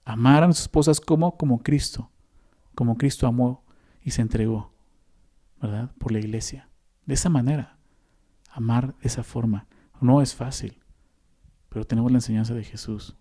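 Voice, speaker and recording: A man's voice: mid-range voice, normal speed, long pauses, warm tone. A man with a Mexican accent preaching a sermon as a pastor, conversational and often adding tag questions to the listeners. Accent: Mexican Spanish.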